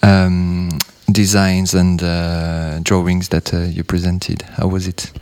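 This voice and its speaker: Guy hosting a radio interview in english, lowish flat voice, halting with lots of ums. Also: clean tone. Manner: hesitant, many fillers and restarts, curious.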